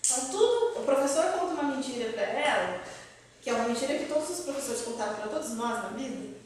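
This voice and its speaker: A woman's voice: on the high side, fast, slight background noise. A woman professor giving a lecture to an audience, quizzing the room and laughing often as she explains. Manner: lively, asks the audience questions, laughs often. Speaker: university professor giving a talk. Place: lecture hall. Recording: loud echoey hall, far from mic.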